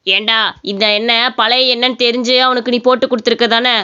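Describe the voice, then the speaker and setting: A woman's voice: fairly high pitch, flat delivery, fast talker, bright, forceful tone, smooth. A woman voicing a greedy, bossy male shop owner. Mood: angry. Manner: harsh, bossy, threatening. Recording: dull lo-fi cartoon audio.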